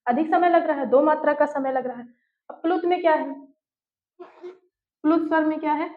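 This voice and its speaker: A woman teacher giving an online class, slowly putting questions and answering them herself, and dictating notes word by word. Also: sits high. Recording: echoey room, tinny phone-like sound.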